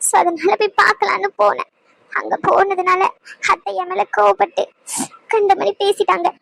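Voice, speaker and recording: Cartoon role: a crying young wife, as a woman puts her on, high and halting. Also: little pitch movement, no room sound, low-quality recording. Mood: tearful. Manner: halting, soft and upset. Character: young married woman, hurt and tearful.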